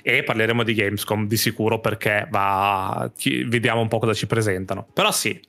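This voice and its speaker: Casual male podcast co-host, bright voice, rambling delivery with frequent restarts. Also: lowish voice, fairly even intonation, a little fast, vocal fry. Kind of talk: casual chat about video games.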